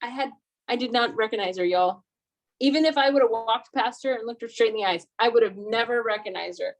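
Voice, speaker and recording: Chatty, casual woman, slightly high voice, video call meeting. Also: brisk. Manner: chatty, animated, lots of fillers. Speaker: meeting participant.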